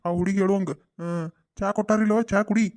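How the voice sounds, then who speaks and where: A performer voicing a gruff, scolding old father-in-law in a cartoon. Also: medium pitch, flat delivery, fast, darkish tone, voice pushed down, natural voice.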